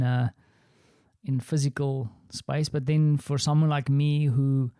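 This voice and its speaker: A man with an Afrikaans accent and a warm, mid-range voice hosts a solo podcast from his small office, rambling in a reflective, self-deprecating way. The sound is clean and studio-like, with no echo.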